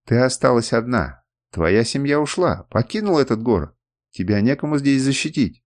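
A man voicing a cruel, scheming male ruler who speaks in a booming, commanding way in an audiobook. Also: lively intonation, moderate pace, a little mellow, natural voice. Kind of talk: audiobook reading.

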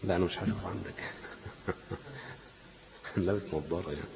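A man's voice: low-pitched, fairly even intonation, very fast, creaky, a little mellow, in a large hall, slight background noise, poor audio. A man with an Egyptian Arabic accent teaching a class on Quran recitation, asking leading questions that the students finish.

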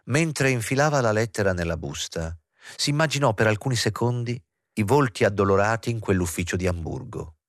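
A man narrating a literary novel as an audiobook in a measured, even way. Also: on the low side, dry recording, clean studio sound. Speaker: audiobook reader.

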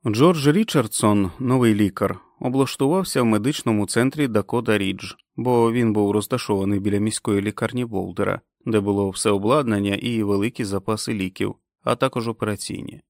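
A man reading an audiobook in a steady, even narration. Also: on the low side, fairly quick, hardly any pauses, no room sound, studio quality. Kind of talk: scripted narration.

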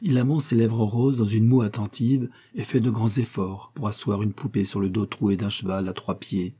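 A man narrating a literary short story for an audiobook in a measured, solemn manner. His voice sits low with a dark, mellow color. A slight huskiness runs through his reading. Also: steady tone, slightly rough.

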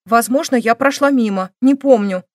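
Woman doing a stubborn young woman, clipped denials, loud, dry sound. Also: fairly high pitch, moderate pace, dry recording, natural voice. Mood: defiant. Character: defiant, sullen young woman under questioning.

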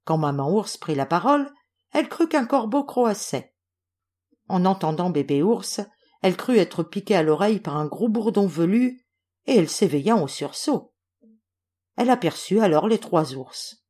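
Lively woman reading a fairy tale. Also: fairly low pitch, moderate pace. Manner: expressive storytelling. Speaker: audiobook reader.

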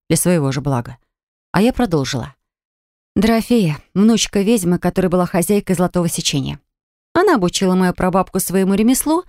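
Woman narrating a fantasy audiobook, lowish voice, expressive, dry close sound. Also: no room sound. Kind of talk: first-person fantasy audiobook reading.

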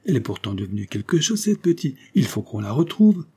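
A man's voice: on the low side, fairly even intonation, a little fast, dark tone, breathy edge. A man reading an uneasy, kindly businessman. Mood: exasperated. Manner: hesitant, easily alarmed.

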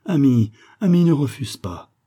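A man's voice: on the low side, expressive, measured pace, mellow, breathy edge. A man voicing a feverish dying poet who passionately implores his lover in an audiobook story. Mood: imploring. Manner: impassioned, imploring.

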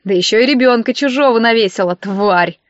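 A woman's voice: on the high side, a little fast, no room sound, highs cut off, natural voice. A woman reading an audiobook, voicing a smug, mocking young husband with a mannered drawl. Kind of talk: audiobook character voice.

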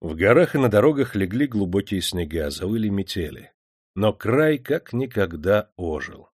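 A man reading an audiobook in a measured, dramatic storytelling manner. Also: lowish voice, sing-song, darkish tone, slightly rough, dry recording, studio quality. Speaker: audiobook narrator. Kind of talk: scripted narration.

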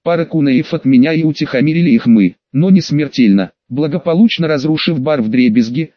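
A man narrating an audiobook in the first person, with brisk and casual storytelling. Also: on the high side, dry recording. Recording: dull, dry lo-fi recording.

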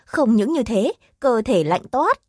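A woman narrating a fantasy audiobook in a steady, even storytelling manner. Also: on the high side, unhurried, husky, no room sound, studio quality.

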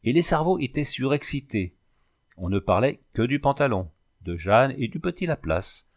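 A man narrating a classic short story aloud as an audiobook reader, in an even, measured storytelling manner. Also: mid-range voice. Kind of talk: scripted narration.

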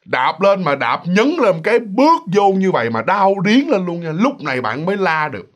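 Lively, high-pitched male storyteller. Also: normal speed. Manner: chatty and animated, addresses listeners directly, acts out voices. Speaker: ghost story narrator.

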